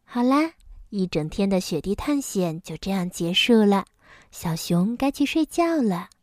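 Slow soft-voiced woman reading a bedtime story. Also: mid-range voice, sing-song, dry recording, clean studio sound.

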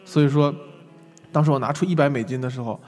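A young man from China telling a lively, self-mocking travel story to an online class. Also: mid-range voice, fast, big-room sound, faint music behind. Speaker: lecturer.

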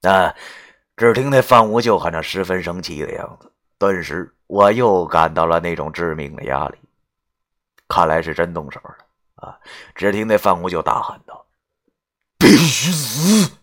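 A man narrating a story in an animated, wry way, with crude asides. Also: low voice, moderate pace.

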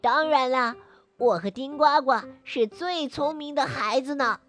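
A woman voicing an eager, boastful little boy who shouts and shows off in a children's story. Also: a little high, big pitch swings, unhurried, faint music behind, voice pushed up. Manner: eager, show-off, exclamatory.

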